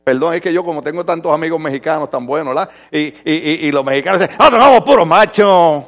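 This preacher's voice sits on the high side as he delivers a lively sermon with comic flair. He impersonates people in dialogue, and his volume swings from hushed side remarks to prolonged shouting before the congregation.

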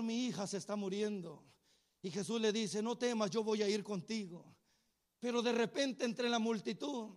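A male preacher with a high-sitting voice delivers a sermon as a dramatized story. He acts out the characters' voices and swings between hushed lines and shouts.

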